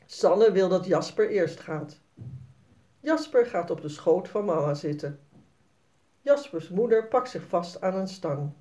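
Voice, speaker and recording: A woman narrating a children's story read aloud in a clear storytelling manner. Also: fairly low pitch, expressive, measured pace, warm tone.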